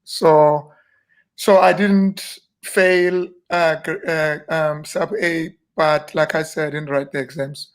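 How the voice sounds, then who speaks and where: There's a level tone to this South African man's mid-high voice as he, a minister in his 50s, reminisces during a relaxed interview. His delivery is unhurried and rambling, broken up by frequent fillers and restarts.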